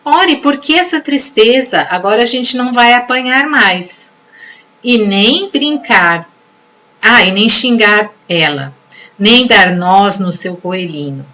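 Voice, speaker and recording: Woman reading out a little comic-strip boy, wondering when his friend comes back, voice bit higher. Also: expressive, slow, pushed and bright, exaggerated voice. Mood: wistful. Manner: reads aloud from a comic strip in a slightly raised voice.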